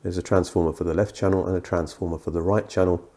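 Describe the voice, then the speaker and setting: Congested from a lingering cold, this middle-aged Briton sounds thick and croaky as he moves fast through a scripted review. His tone stays steady, low and mellow, with the occasional self-deprecating dry aside.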